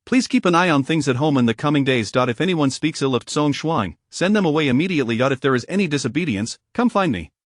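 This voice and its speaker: A man voicing a spirited, sharp-tongued young noblewoman who teases and probes. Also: a little high, expressive, fast, few pauses, no echo, clean studio sound. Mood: probing. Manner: teasing, probing.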